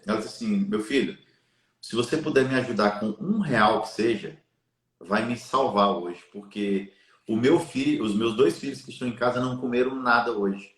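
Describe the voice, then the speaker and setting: A live stream guest with a mid-range voice tells a long personal story in a live chat, drawing an earnest, preachy lesson about giving and faith. The room sounds echoey.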